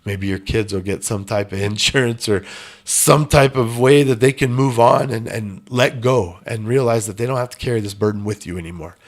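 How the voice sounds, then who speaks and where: A man telling his life story in an earnest, intense way, dropping quiet and then rising loud. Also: on the low side, normal speed. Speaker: interview guest. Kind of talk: emotional storytelling.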